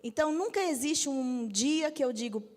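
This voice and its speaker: This sermon comes from a Methodist bishop in her fifties whose voice is high-pitched yet darkish in tone, animated, and moderately paced. She preaches directly, frequently asking listeners if they agree, amid long hall reverb.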